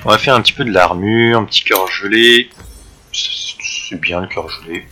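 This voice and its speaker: Bright-voiced male game streamer. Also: lowish voice, moderate pace, slight background noise. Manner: chatty, reacts to chat and game while playing. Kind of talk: live gameplay commentary.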